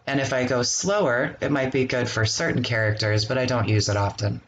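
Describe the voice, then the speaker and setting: A man hosting a screen-recorded software walkthrough, explaining each step in a relaxed way with the odd um. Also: medium pitch, fairly quick, a little hiss or hum. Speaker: software tutorial host.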